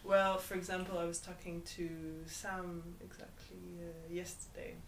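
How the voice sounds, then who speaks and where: A woman's voice: lowish voice, little pitch movement, normal speed, a little hiss or hum. A woman curator in casual chat, explaining with frequent laughs. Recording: roomy sound.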